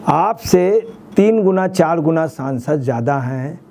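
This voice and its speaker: Gravelly-voiced male political commentator. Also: fairly high pitch, animated, slow, warm tone, slight background noise. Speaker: senior journalist, political analyst. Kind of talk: news studio political commentary.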